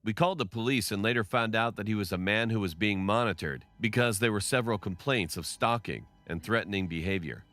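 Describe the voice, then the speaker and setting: Low-voiced man narrating a story. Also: a little fast, few pauses, a bit bright. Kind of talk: scripted first-person narration.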